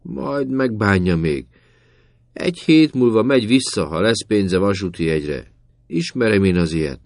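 A man's voice: expressive, no room sound, studio quality. A man voicing a tall, domineering sergeant who mocks and bullies in a read story. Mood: scornful. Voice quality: booming, gruff.

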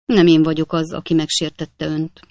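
A reader voicing a timid kindly gentleman. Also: medium pitch, completely flat delivery, dry recording, clean studio sound, close to an everyday voice. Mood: nervous. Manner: nervous, then stiffly formal.

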